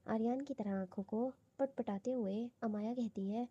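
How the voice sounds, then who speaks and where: A woman narrating an audiobook novel in a steady storytelling read. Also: on the high side, husky, no room sound, muffled recording. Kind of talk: scripted narration.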